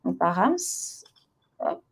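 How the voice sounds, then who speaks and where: A woman's voice: slow, phone-quality sound. A woman giving a tech conference talk with a live coding demo, chatty and casual, marking each step with little filler words. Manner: casual, chatty, punctuates steps with "hop" and "voilà". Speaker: conference speaker.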